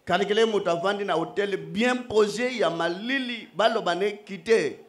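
A man's voice: sits high, moderate pace. A man preaching a sermon, speaking emphatically and raising his voice to the congregation. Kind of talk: sermon mixing Lingala and French.

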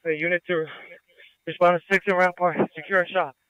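A man's voice: high voice, flat delivery, a little fast, a bit bright, smooth, no room sound. A male police officer giving clipped, directive status reports from the field over a police radio. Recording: dull lo-fi police scanner radio.

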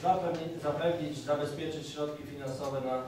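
A middle-aged man speaks formally to a council, pausing often and filling the gaps with hesitation sounds. His voice sits a little high for a man. It comes from a distance in a very echoey hall, with steady background noise. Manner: halting, with many filler sounds. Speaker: municipal official presenting the budget.

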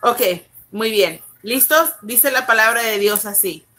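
A woman pastor teaching the Bible on a live stream from her bedroom at home, urging viewers along briskly and greeting them by name. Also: on the high side, pushed and bright.

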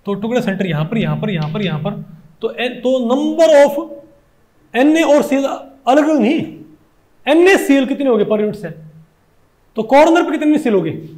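A man's voice: sits high, a little mellow. A male chemistry teacher with a Hindi accent lecturing a class, who keeps asking rhetorical questions and repeating his points.

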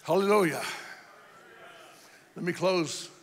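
A male pastor preaching an impassioned sermon, swinging between shouts and quick, quieter explanation. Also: high-pitched, long reverb tail.

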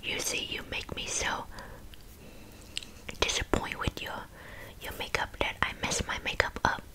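A woman's voice: a little slow, bright, forceful tone. Woman's whispered role-play of a bossy, accented makeup artist. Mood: blaming. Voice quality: breathy unvoiced whisper with wet mouth sounds. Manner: scolding, blunt, clipped phrasing. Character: bossy, blunt, insulting female makeup artist.

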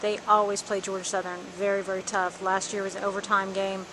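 A woman working as the team's media interviewer, putting prepared post-game questions with statistics in an even delivery. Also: medium pitch, fairly quick, background noise. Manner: scripted, stat-citing, even delivery.

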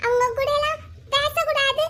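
A woman voicing a stubborn little boy who refuses to talk to girls, in a slow, childish cartoon voice. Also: extremely high pitch, fairly even intonation, bright, forceful tone, voice pushed up. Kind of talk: cartoon voice acting.

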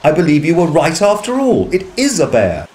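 A man's voice: fairly high pitch, wildly swooping pitch, normal speed, voice pushed up, poor audio. A man doing a kindly, fussing mother. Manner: warm-hearted and fussing. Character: kindly, motherly middle-aged English woman.

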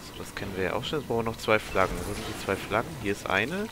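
A man's voice: fairly low pitch, expressive, rapid-fire, noisy background. A man giving casual gameplay commentary, muttering to himself and grumbling mildly as he plays. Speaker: let's player.

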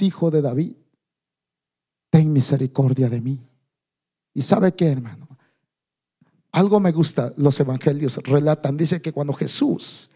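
A man with a high-sitting voice preaches a sermon as a pastor. He keeps addressing his listeners as brother and builds toward loud, fervent climaxes.

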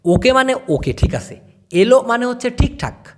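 A man speaks in a casual, chatty lesson, walking listeners through vocabulary word by word. His voice sits high and swings widely in pitch. He repeats terms slowly and keeps checking that his audience understands. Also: sing-song. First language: Bengali. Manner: explains words slowly, repeats them, asks listeners if they understood. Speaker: language teacher.

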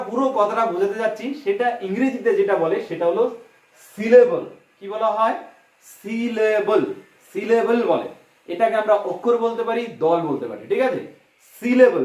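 A man's voice: high voice, echoey room. A man with a Bengali accent teaching an exam-prep English lesson, explaining step by step and asking and answering his own questions. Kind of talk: online exam coaching lesson.

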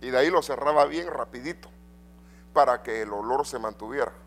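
A middle-aged man preaching a sermon in a church, swinging between loud and soft and asking the congregation questions. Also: medium pitch, brisk. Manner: addresses congregation with rhetorical questions. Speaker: pastor.

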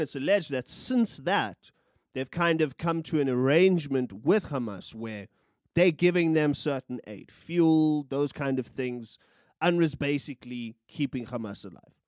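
A young South African man co-hosting a podcast rattles off fast, heated, opinionated takes on the news, his high voice jumping around a lot. He swears freely and gestures animatedly with his hands. The small studio room, boom mic, and headphones give a close, dry sound without any room sound.

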